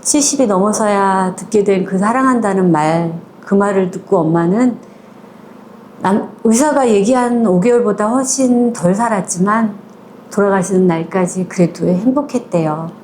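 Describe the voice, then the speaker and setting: A woman's voice: medium pitch, moderate pace, a little mellow, a little hiss or hum. A woman retelling a short story in a conversational, chatty way, moving between polite and casual speech and acting out the quoted lines. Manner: acts out quoted lines in small voices.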